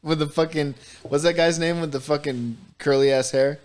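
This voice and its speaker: A man's voice: a little high, steady tone, normal speed, a little mellow. Laid-back man bantering on a podcast. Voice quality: laid-back, swears, laughs often. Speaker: podcast co-host. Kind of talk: casual comedic chat.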